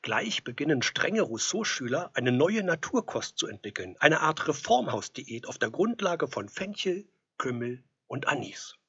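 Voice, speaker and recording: A man's voice: fairly high pitch, very animated, measured pace, hardly any pauses, fairly bright tone, husky, no echo. A man telling a historical story in scripted narration, with a wry, ironic manner. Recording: dull lo-fi recording.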